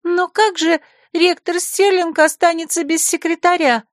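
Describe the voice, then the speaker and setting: A spoiled young secretary, squeaky and whiny, her voice pitched high and close to tears, as a woman narrator puts her on. The sound is dry and close, with no room around it. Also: steady tone, a little slow, no room sound.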